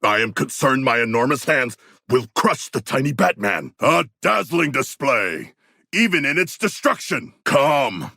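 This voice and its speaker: An actor playing a huge, proud, bookish male shark warrior in a video game, speaking in formal, stilted, literal-minded phrases with a gravelly, husky voice. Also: mid-range voice, sing-song, a little slow, bright, forceful tone, dry recording, clean studio sound, heavily acted. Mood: formal, deadpan. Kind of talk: video game character voice lines.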